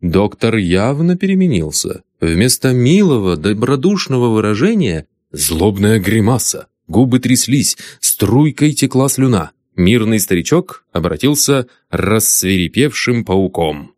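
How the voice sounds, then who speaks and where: A man reading an audiobook in a dramatic, expressive manner. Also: fairly low pitch, measured pace, few pauses, dry recording. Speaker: audiobook narrator. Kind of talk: scripted audiobook narration. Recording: dry close studio sound.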